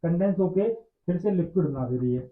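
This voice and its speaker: A man's voice: a little high, lively intonation, brisk. A male chemistry teacher, explaining a lesson, repeating phrases and asking and answering his own questions. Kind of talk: classroom-style explanatory lecture. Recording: echoey room over tinny phone-like line.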